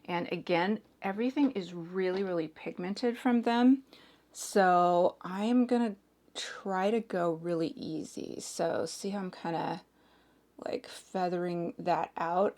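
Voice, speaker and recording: A hoarse woman in her forties chatting casually as she does her makeup, hedging with "like" and "sort of". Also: fairly low pitch, darkish tone. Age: 40s. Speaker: makeup reviewer. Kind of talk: casual chat while doing makeup.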